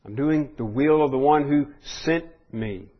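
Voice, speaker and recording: A man's voice: medium pitch, a little slow, highs cut off. A man preaching a sermon in an earnest way, often restarting and rising in force when he stresses a point.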